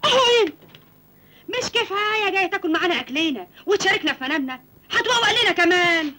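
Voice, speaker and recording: An actress with an Egyptian accent playing a sharp-tongued, resentful aunt who nags and scolds. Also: female voice, very high voice, lively intonation, quick pace, heavily acted. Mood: scolding. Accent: Egyptian Arabic. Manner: nagging and scolding.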